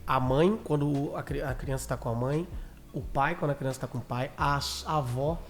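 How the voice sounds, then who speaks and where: A man hosting a podcast, chatting informally and jokingly, with halting questions full of restarts. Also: medium pitch, a little hiss or hum. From Brazil. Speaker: podcast host. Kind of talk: casual interview chat.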